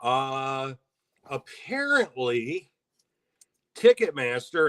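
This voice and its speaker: A man's voice: medium pitch, fairly bright tone. A man from Michigan co-hosting a live-stream chat, chatty and wry, laughing easily. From Michigan, USA. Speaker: co-host.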